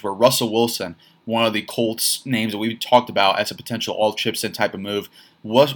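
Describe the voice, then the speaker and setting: Male sports podcast host, a bit low, energetic solo commentary full of repeated phrases. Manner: animated, rapid reactions with repeated phrases and laughing asides.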